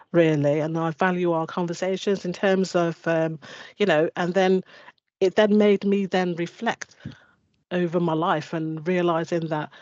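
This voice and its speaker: A man's voice: on the high side, a little mellow, no echo, highs cut off. A man with family roots in Barbados, reflecting thoughtfully in a group discussion, with many fillers and restarts. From England. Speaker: discussion panelist.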